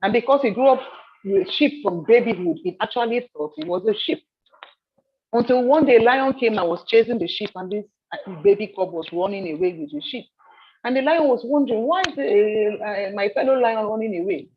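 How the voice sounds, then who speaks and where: A woman from Nigeria leading a soft skills training session, telling stories with animated repetition. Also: on the high side, fairly quick, vocal fry, dull audio, slight background noise. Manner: animated storyteller, repeats phrases. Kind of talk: training seminar talk.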